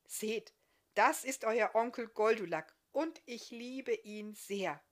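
A woman's voice: a little high, slow, voice pushed up. A woman reading aloud, voicing an emotional woman who is a mother and a sister, with an urgent, outspoken manner. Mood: proud.

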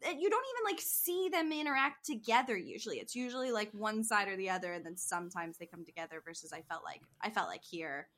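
A woman's voice: medium pitch, expressive, quick pace, hardly any pauses, a bit bright. A woman co-hosting a movie podcast, giving her opinions in casual chat. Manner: opinionated, hedging with "like". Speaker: podcast co-host.

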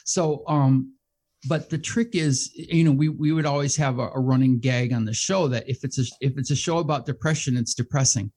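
A middle-aged man who hosts a radio show, talking as a guest in a casual interview, animated and self-deprecating, laughing often. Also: mid-range voice, normal speed. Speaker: radio show host and behavioral health manager, guest.

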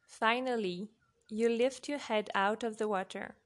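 A woman narrating a guided sleep meditation in a soft, unhurried way, with long pauses between phrases. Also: on the high side.

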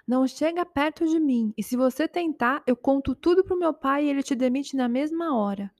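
A woman's voice: high voice, lively intonation, moderate pace, a little mellow, dry recording, studio quality, pitched above the performer's own voice. A woman voicing a young woman who firmly reproaches her boyfriend in a spoken story. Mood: firm, tearful. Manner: firm, reproachful. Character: young woman, fed-up girlfriend standing firm.

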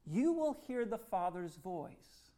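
A pastor preaching an impassioned sermon, swinging from hushed, tender passages to loud, ringing declarations. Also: male voice, sits high, sing-song, slow.

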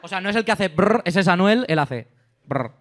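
A man's voice: high-pitched, animated, normal speed, fairly bright tone. A man from hosting a live comedy podcast in a pub, running a quiz with jokes and chuckles between lines. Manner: joking, laughs between lines. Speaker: host running a quiz game.

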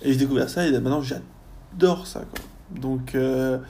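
Young guy student, bit of a rough gravelly voice, casual interview chat, lots of euhs. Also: mid-range voice, fairly even intonation, measured pace, mellow, a little hiss or hum. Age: young adult. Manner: chatty, lots of hesitations and fillers. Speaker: university student guest.

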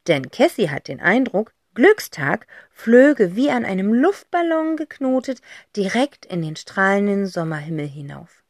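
Animated woman reading a storybook. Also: mid-range voice, a little slow, no room sound, studio quality. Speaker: audiobook narrator. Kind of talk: scripted storybook narration.

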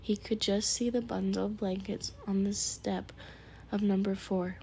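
Woman softly whispering a storybook. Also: mid-range voice, fairly even intonation, measured pace, gravelly, slight background noise. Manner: soft, hushed, gentle. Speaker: storyteller reading a book aloud.

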